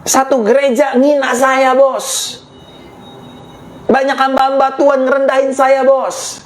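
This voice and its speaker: A man's voice: very high voice, completely flat delivery, measured pace, slight background noise. A male pastor preaching a sermon with passion, calling out to his congregation again and again. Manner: impassioned, addresses the congregation repeatedly.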